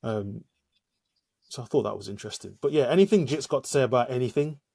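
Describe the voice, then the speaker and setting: A man's voice: mid-range voice, fast, gravelly, warm tone. A man co-hosting a podcast, talking casually and thoughtfully with hesitant restarts. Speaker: podcast co-host. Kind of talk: casual chat.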